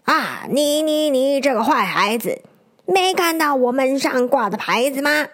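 Woman playing an old lizard grandma, gruff, kindly, low and slow, storybook. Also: expressive, a bit bright. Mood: grumbling.

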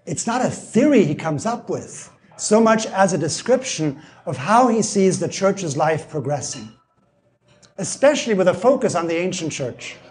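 High-voiced man lecturing, voice going hoarse. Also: sing-song, normal speed. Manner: explains by restating phrases and asking "see?". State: losing his voice, clearing his throat. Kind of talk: evening lecture on theology.

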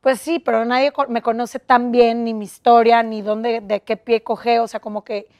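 A young Mexican woman, her voice a little on the high side, tells a story in a casual chat. She is blunt and matter-of-fact, never raising her voice. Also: little pitch movement, normal speed, darkish tone, muffled recording. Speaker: podcast co-host, guest.

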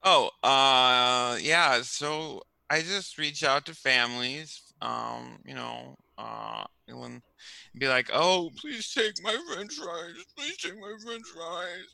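A man playing an excitable, sleazy male manager of cat videos, talking in gushing baby talk and giggles in an improvised comedy bit. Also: on the high side, takes it slowly, vocal fry, no echo, heavily acted. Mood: scheming. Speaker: guest. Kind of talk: improvised comedy role-play.

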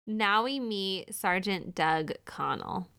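A woman's voice: medium pitch, expressive, takes it slowly, gravelly, sharp tone, smooth. A woman in her thirties hosting a casual commentary, chatty and sarcastic. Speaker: podcast host recapping a true-crime show.

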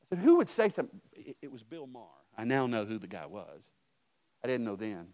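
A middle-aged male pastor preaching a sermon, telling stories and swinging from hushed asides to loud outbursts. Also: medium pitch, wildly swooping pitch, brisk.

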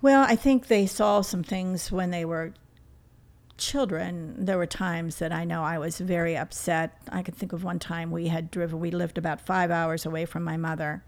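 Gravelly low-voiced middle-aged woman. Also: fairly even intonation. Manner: reflective, halting, with restarts. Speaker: therapist, interview guest. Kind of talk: telling a personal story in an interview.

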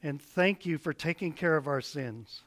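A man's voice: fairly high pitch, normal speed, a bit bright. A male pastor speaking to children in a sweet, patient Sunday school manner, with simple phrases and prompts. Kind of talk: children's sermon, then sermon to congregation.

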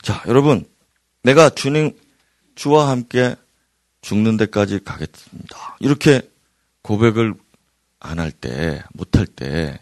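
A male pastor delivering an evening prayer-meeting sermon, swinging between loud emphatic bursts and hushed near-whispers. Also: medium pitch, slow pace, long pauses, no room sound, studio quality. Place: church hall.

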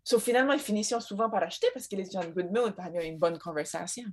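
Young acadian woman chatting on a podcast, lively, tosses in english words. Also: mid-range voice, very fast. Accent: Acadian French. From Acadia, Nova Scotia. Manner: animated storytelling, mixing in English words. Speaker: podcast guest. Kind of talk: casual chat.

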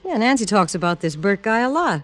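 A woman's voice: medium pitch, very animated, fairly quick, a bit bright. An actress playing a scheming young woman poisoner in an old radio drama, speaking coyly and slyly. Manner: coy and sly, then taunting. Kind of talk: 1940s radio drama acting.

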